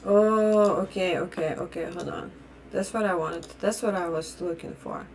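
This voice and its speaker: A woman's voice: on the low side, slight background noise, low-quality recording. A woman streamer giving casual live reaction commentary, thinking aloud in a stop-start, chatty way. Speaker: streamer reacting to news and clips.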